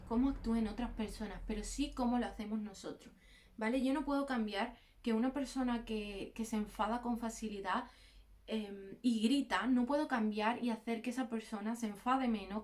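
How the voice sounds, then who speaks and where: A woman's voice: on the high side, moderate pace, a little mellow. A young woman with a Peninsular Spanish accent giving direct, encouraging self-help advice to her viewers. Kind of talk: motivational advice talk.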